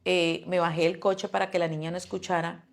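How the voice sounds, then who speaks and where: A woman's voice: fairly low pitch, flat delivery, fairly quick, vocal fry. A mother earnestly recounting a personal story, acting out what each person said. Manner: earnest, acts out quoted dialogue. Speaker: mother telling her own story.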